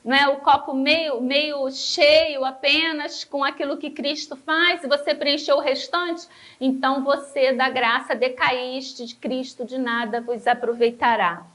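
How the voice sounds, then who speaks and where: A woman with a Brazilian Portuguese accent and a high voice teaches a church Bible lesson. She talks straight to her listeners, calls them brothers, and slows right down to hammer home the words that matter. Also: steady tone, fairly bright tone. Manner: emphatic, slows down to stress key words; addresses listeners directly as brothers.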